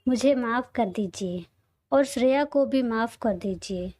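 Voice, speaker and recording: A woman voicing a lively young woman who is a cheeky little sister, in a read-aloud audio story. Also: a little high, unhurried, no room sound. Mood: apologetic.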